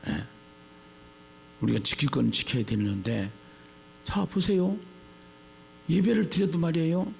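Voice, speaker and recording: A male pastor preaching a sermon. He repeats phrases for emphasis and swings from low murmurs to shouted lines. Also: big pitch swings, measured pace, gravelly, long pauses, a little hiss or hum.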